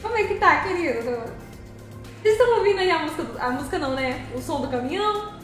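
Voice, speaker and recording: A woman's voice: sits high, expressive, quick pace, a bit bright, heavy reverb, faint music behind. A woman, live streaming as she drives a truck game, cheerfully greeting viewers by name and giggling.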